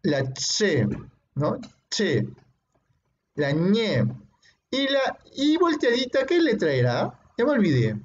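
Man, phonetics teacher, high voice, patient explaining, repeats sounds slowly, keeps checking in with students, muffled lo-fi audio, faint background noise. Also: wildly swooping pitch. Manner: explains patiently and often ends phrases with "¿no?"; addresses and praises students directly. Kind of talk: classroom lecture.

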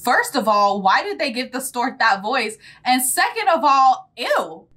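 A high-voiced American woman hosting a casual reaction session. Her delivery is very animated, blunt and exclamatory, with big swings in pitch. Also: measured pace. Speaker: host reacting to meme clips.

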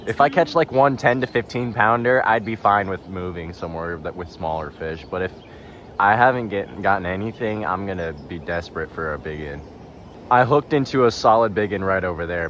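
A young man casually narrating a fishing trip outdoors by a dam, laid-back and excitable when fish bite. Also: fairly low pitch, a little hiss or hum. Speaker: fishing vlogger.

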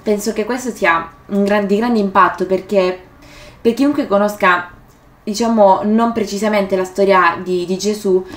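Woman reading aloud and chatting about a book, hesitant, middle pitch, roomy echo. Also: steady tone, normal speed. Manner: hesitant, with fillers and self-corrections. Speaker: book vlogger. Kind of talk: reading aloud with casual commentary. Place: room indoors.

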